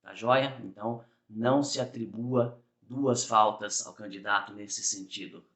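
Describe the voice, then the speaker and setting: A man's voice: on the low side, fairly even intonation, a little slow, a bit bright. A man with a Brazilian Portuguese accent, a driving exam instructor giving a conversational video lesson, often checking in with "tá?" and acting out small examples. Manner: conversational, frequent "tá?" tag questions; acts out examples with small voiced asides.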